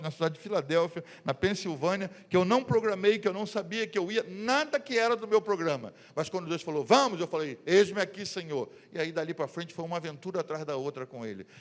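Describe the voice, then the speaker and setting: A middle-aged Brazilian man preaching a sermon as a pastor. He tells stories and acts out the voices of the people in them. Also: a little high. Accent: Brazilian Portuguese. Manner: storytelling, acting out the voices in his stories. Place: church conference hall. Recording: long reverb of a church hall.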